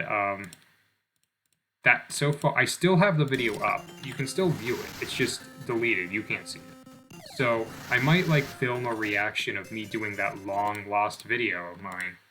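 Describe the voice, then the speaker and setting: Speaking in a fairly low, bright, forceful voice, this gaming channel host is a young man commenting casually on gameplay. He rambles, leans heavily on fillers, swears a lot, and pokes fun at himself.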